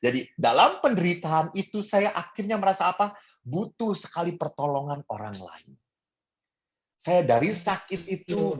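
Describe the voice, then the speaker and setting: A man's voice: mid-range voice, a little mellow, highs cut off. Man preaching with easygoing humor. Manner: humorous, anecdotal storytelling with hesitant fillers. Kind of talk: sermon.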